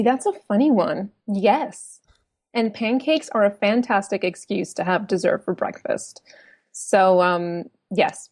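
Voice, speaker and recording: A woman's voice: mid-range voice, no room sound, studio quality. A woman in her thirties from New York with a New York American accent, chatting as a guest on a podcast and laughing often. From United States, New York. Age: 30s. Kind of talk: casual podcast interview.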